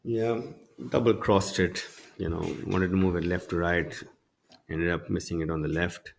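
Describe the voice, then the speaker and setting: A man's voice: sits low, steady tone, normal speed, gravelly, slight background noise. A man giving analysis as a golf commentator during live tournament coverage. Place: broadcast studio.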